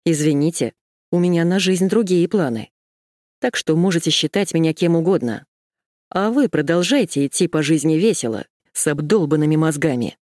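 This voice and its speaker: A woman's voice: deep voice, moderate pace, no echo, studio quality. Woman reading a cold, clipped young man. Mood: scornful. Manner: calm, clipped, contemptuous. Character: cold, composed young man, curt and harsh.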